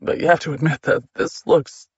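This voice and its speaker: Guy reading a shaken wife, keeps it flat and steady, gravelly voice, dry room. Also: on the high side, normal speed, no room sound, highs cut off. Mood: guarded. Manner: flat and controlled. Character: wary, shaken young wife holding steady.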